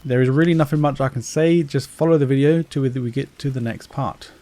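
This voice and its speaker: With game music playing, a man narrates a video game walkthrough, laying things out step by step in simple, casual language. He talks a little fast in a warm, medium-pitched voice.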